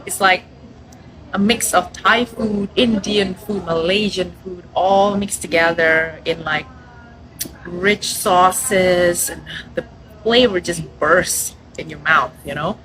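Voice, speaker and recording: A woman from Indonesia, a restaurant owner chatting casually in an interview, lively and quick to laugh. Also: lowish voice, rough recording. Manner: lively, laughs often, acts out quoted customers.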